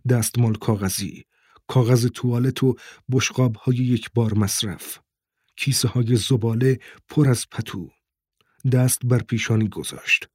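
A man with a husky voice reads a novel as an audiobook narrator, in steady, measured scripted narration. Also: mid-range voice, no echo, studio quality. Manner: steady, measured, descriptive reading.

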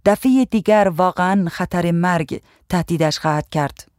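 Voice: mid-range voice, a little mellow, no echo, clean studio sound, natural voice. A reader voicing a caring female nurse in an audiobook, speaking with earnest, slightly raised concern. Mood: alarmed. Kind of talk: audiobook reading.

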